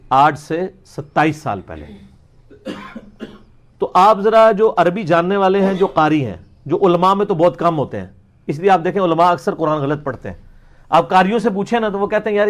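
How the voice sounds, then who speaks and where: A middle-aged man giving a combative, boastful talk, breaking into slow drawn-out Quran recitation. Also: a little high. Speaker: religious speaker answering critics.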